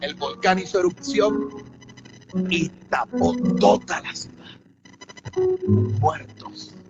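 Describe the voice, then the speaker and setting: A man preaching a sermon as a bishop, moving between quiet storytelling and shouted, fervent preaching. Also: high voice, takes it slowly. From Colombia. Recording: dull, muffled sound with loud music underneath.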